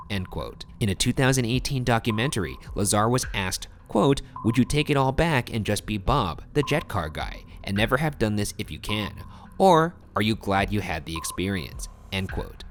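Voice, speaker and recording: A man reading scripted documentary narration in a measured way, setting quotes apart. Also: lowish voice, slight background noise. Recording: voice-over with clear music behind.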